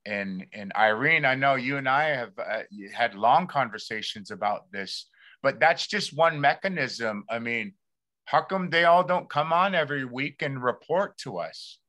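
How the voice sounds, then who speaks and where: A man from the Pacific Northwest United States hosting an informal community talk show, speaking haltingly and repeating words as he searches for the next one. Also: medium pitch, expressive, pushed and bright. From Lummi community, Pacific Northwest United States.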